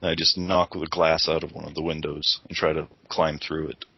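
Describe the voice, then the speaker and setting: A man's voice: very deep voice, level tone, brisk, vocal fry, slightly rough, no echo. A man speaking plainly as a tabletop game player, repeating himself, recorded on dull, dry lo-fi sound. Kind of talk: casual tabletop play.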